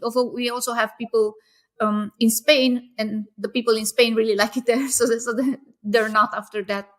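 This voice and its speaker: A woman, a company founder, answering interview questions in a casual, thoughtful way, often pausing with fillers and restarting phrases. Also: a little high, fairly bright tone.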